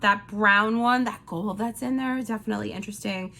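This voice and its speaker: A woman with a sick-sounding voice gives a chatty, lively makeup review as a beauty vlogger. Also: medium pitch, a little fast, vocal fry.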